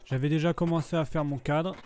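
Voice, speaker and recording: A man narrating his craft vlog in a casual, slangy way, easily excited about his new gear. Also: on the high side, a little fast, a little hiss or hum. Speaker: vlogger.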